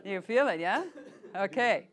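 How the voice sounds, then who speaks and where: A middle-aged woman leading a voice workshop, playful and lively, demonstrating sounds and asking her group questions. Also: medium pitch, measured pace, a faint crowd. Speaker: voice workshop teacher. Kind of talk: workshop teaching.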